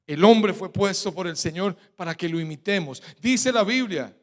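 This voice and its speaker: Colombian male pastor, high pitch, emphatic sermon cadence with call-and-response questions. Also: expressive, normal speed. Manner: rhetorical questions, has the congregation finish his sentences; emphatic preaching cadence with sudden loud stresses. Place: church.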